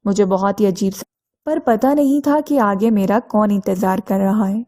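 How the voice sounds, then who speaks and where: Mellow-voiced woman telling a story. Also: medium pitch. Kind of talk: scripted first-person narration.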